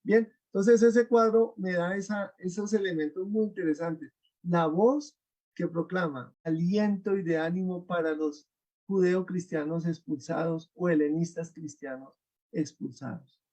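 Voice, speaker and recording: Brief: male lecturer, webinar lecture, high mellow voice, unhurried, explanatory, often asks the audience to confirm, heard over a video call. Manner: explanatory, checks in with rhetorical questions.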